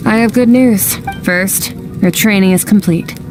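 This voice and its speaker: A stern, aloof female swordmaster, voiced by a woman, level and composed, with a mid-pitched voice. She speaks curtly, like a mentor giving orders. Game music plays clearly underneath. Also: a little slow, lightly acted, rough recording. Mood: calm. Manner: cool, composed, curt. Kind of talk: game voice acting.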